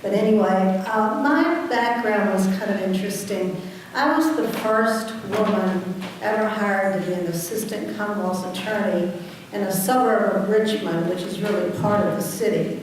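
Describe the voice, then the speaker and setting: A woman's voice: medium pitch, moderate pace. An older woman with a Southern accent, telling her story as a panelist at a conference. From Virginia. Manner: storytelling, conversational. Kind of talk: panel talk. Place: conference hall. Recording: echoey hall, distant mic, hum.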